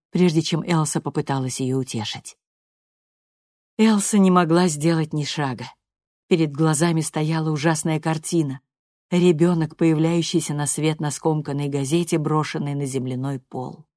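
A woman narrating an audiobook in a measured, expressive reading. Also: deep voice, no room sound, clean studio sound. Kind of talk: scripted narration.

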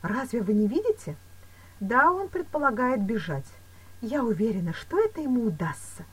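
A woman reading an audiobook voices an anxious young woman in love, with a slightly husky voice and raised, breathless exclamations. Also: on the high side, very animated, moderate pace, voice pushed up, poor audio. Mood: insistent. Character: anxious young woman, lover pleading and frightened.

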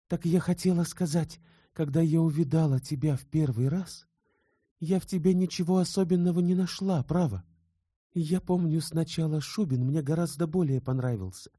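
A man's voice: a little high, warm tone, no echo, clean studio sound, voice pushed up, close to an everyday voice. A man voicing an earnest young woman in love, read tenderly and heartfelt in an audiobook. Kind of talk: audiobook character voice.

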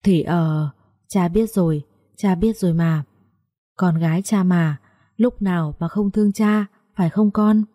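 A woman voicing a poor, gentle old father who speaks tenderly in a husky, tearful voice. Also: mid-range voice, fairly even intonation, moderate pace, no echo, studio quality, natural voice.

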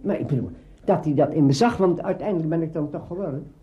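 Being interviewed, this Dutch-accented radio drama veteran in his eighties tells juicy stories theatrically, voicing the dialogue himself. He speaks slightly high and quickly, and the recording has its highs cut off.

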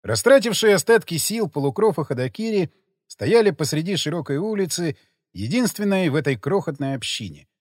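A man's voice: a little high, big pitch swings, brisk, no echo, studio quality. A man narrating a post-apocalyptic adventure audiobook.

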